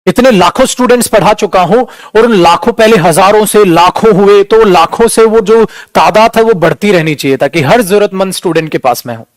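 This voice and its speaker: A man's voice: high-pitched, normal speed, hardly any pauses, dry recording. A man teaching an online English class in a casual lecture style, calling students beta and dear and demonstrating pronunciation.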